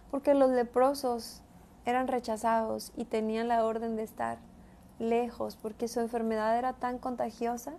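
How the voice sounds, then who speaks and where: A woman's voice: fairly high pitch, mellow, a little hiss or hum. A woman giving a conversational devotional Bible teaching, often adding tag questions as she goes.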